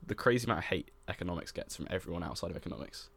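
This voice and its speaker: Fast-talking young man, low voice. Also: expressive, fairly bright tone, no echo. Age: young adult. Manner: fast, rambling, full of fillers and restarts. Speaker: podcast co-host. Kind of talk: casual chat.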